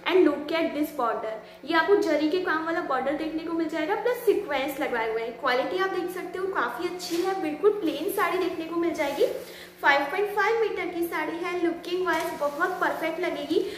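A woman's voice: very high-pitched, brisk, roomy sound. A young woman in her twenties giving a chatty fashion review, casually mixing English words into her Hindi, filmed indoors at medium distance. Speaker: fashion vlogger reviewing sarees. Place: small indoor room.

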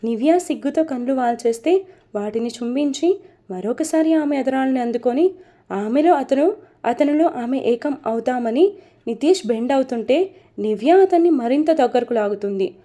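A woman narrating a romance story from a script in a steady, even reading voice. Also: high-pitched, normal speed.

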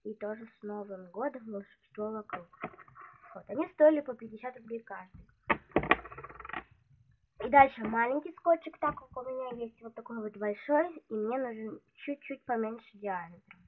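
Her voice sits on the high side and keeps a moderate pace, though illness clearly affects it. She chats hesitantly and uses many fillers while displaying her stationery at an indoor desk, hands on the table, and the recording sounds tinny, like a phone, with heavy noise.

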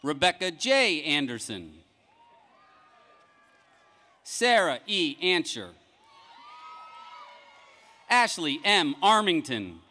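Male ceremony announcer, bright, fairly high voice, formal measured name-reading over an outdoor PA. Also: big pitch swings, some chatter behind. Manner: measured, announcing each name with a rising then falling cadence. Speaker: commencement name reader. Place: large outdoor graduation ceremony.

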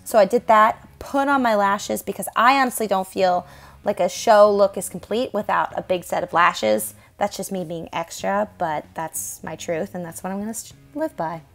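A young stage performer and makeup vlogger narrates her own stage makeup and hair routine in a loose, chatty tutorial voice-over. Her medium-pitched voice is creaky and a bit bright, moving at normal speed, and her casual, self-deprecating talk is broken by frequent small laughs.

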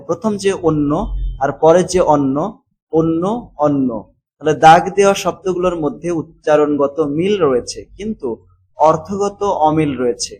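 Husky-voiced man teaching a lesson. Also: fairly high pitch, darkish tone, low-quality recording. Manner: repeats words slowly, with fillers and English words mixed in. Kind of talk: explaining a textbook lesson.

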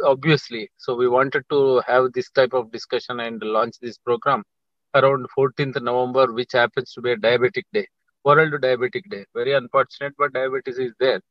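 Indian man, middle-aged, mid-pitched, halting panelist over a muffled video call. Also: dry recording. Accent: Indian English. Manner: halting, many fillers and restarts. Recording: dull, dry video call audio.

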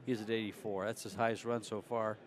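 A man calling a pool match in a measured, explanatory way, walking through each shot. His voice sits fairly low. He talks alongside a more excitable co-host. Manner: measured, explains shots in detail. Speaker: pool commentator. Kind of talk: live pool commentary.

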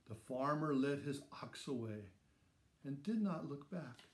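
With lively intonation in a mid-range voice, a sixty-something storybook reader takes his time over a children's tale, speaking simply and deliberately and punching key words dramatically. The sound carries a distinct echo from the room.

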